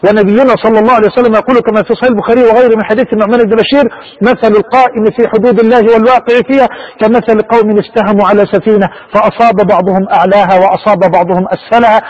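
A man's voice: high voice, muffled recording. A man preaching a sermon with impassioned delivery and rhetorical questions.

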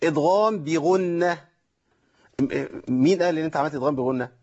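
A man's voice: a little high, fast, darkish tone, muffled recording. A man with an Egyptian accent hosting a call-in lesson on Quran recitation, explaining step by step and checking in with listeners. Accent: Egyptian Arabic. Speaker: Quran recitation teacher and host.

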